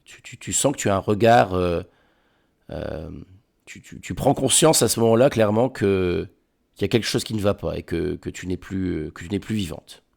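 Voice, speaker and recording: A man narrating a tabletop role-playing game as game master, halting and often repeating words. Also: deep voice, creaky, darkish tone.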